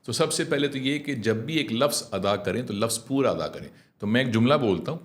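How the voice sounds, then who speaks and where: A middle-aged communication trainer with a medium-pitched voice coaches a host in clear speech. He's animated and conversational, mixes in English phrases, and often slows down to demonstrate careful diction.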